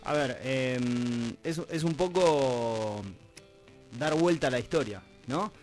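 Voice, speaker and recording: An Argentine man hosts a radio interview from a studio, speaking slowly in a mid-range, slightly mellow voice. His manner is conversational and reflective, and he often breaks up long questions midway while faint music plays behind him.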